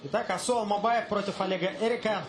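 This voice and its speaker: A man commentating live on a fight, explaining the action in halting phrases. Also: sits high, steady tone, noisy background. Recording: echoey, loud music and crowd.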